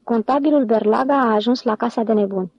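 A man's voice: extremely high pitch, breathy edge, no echo, muffled recording, exaggerated voice. A woman voicing a sly, gossipy male office clerk who talks eagerly and confidingly.

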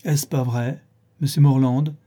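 A man's voice: medium pitch, fairly even intonation, unhurried, dark tone, husky. A man voicing a gushing, affected young society woman, effusive and teasing in a theatrical way.

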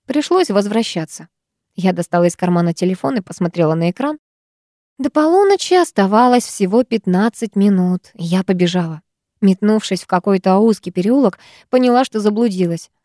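A woman narrating a first-person audiobook in a lively, expressive manner. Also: mid-range voice, fairly quick, no echo, studio quality. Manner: lively, expressive reading with sharp dialogue.

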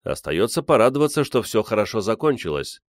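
A man's voice: fairly low pitch, sing-song, fairly quick, no room sound, studio quality. A man playing an earnest, fussy male scientist with a prim, pedantic manner.

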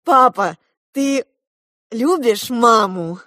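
A woman's voice: a little high, animated, no room sound, studio quality, voice pushed up. A woman reading an audiobook, voicing an earnest eleven-year-old girl who asks questions insistently. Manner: insistent, presses questions slowly.

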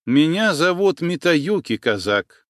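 A man's voice: mid-range voice, very animated, measured pace, dry recording, studio quality. A man voicing a bold young female shaman in an audiobook, with a raised, firm, scolding voice. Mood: stern. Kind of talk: audiobook character voice.

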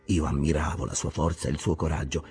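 A man narrating a classic novel as an audiobook in an expressive reading that swells in the action passages. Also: rumbling low, fast.

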